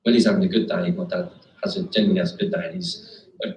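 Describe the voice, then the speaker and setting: A young man talking in a documentary interview, soft-spoken and hesitant, with a resigned tone. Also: low-pitched, very animated, fast, roomy sound, distant mic, a little hiss or hum, rough recording.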